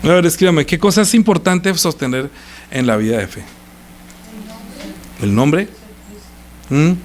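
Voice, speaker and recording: A man's voice: big pitch swings, a little slow, slight background noise. A man preaching a sermon, often asking the congregation questions. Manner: conversational preaching with sudden pitch leaps, questions to listeners. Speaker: pastor.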